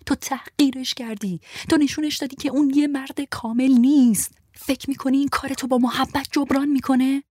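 A woman's voice: lowish voice, husky, no echo, studio quality. A woman voicing a bruised, fierce young woman urging escape, in a whispered role-play. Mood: urgent. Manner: urgent hushed pleading.

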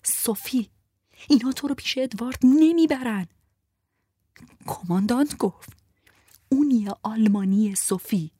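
A woman's voice: on the low side, breathy edge, no echo, clean studio sound. A woman voicing a bruised, fierce young woman urging escape, in a whispered role-play. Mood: urgent. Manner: urgent hushed pleading.

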